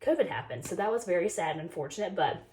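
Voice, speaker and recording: With a lowish, slightly mellow voice and lively intonation, this woman talks fast. She's a beauty vlogger in her twenties from North Carolina who is somewhat sick and losing her voice, chatting casually through a get-ready-with-me makeup routine with many "like"s and "um"s.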